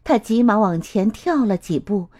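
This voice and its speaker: A woman reading a children's story aloud, slow and expressive in a sing-song way. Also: medium pitch.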